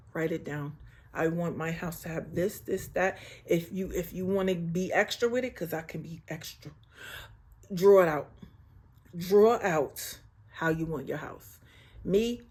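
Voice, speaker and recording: Husky-voiced woman vlogger, casual and emphatic, repeats points for effect, motivational talk. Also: sits low, a little mellow. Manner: emphatic, preachy, repeats herself; calls the viewer baby. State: getting emotional, near tears. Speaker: lifestyle vlogger.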